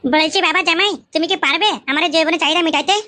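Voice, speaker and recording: A woman's voice: very high-pitched, rapid-fire, sharp tone. Woman as a cajoling mother-in-law. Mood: coaxing. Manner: sweet-talking, cajoling. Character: coaxing middle-aged mother-in-law, thirties by her claim. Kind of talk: comic village skit.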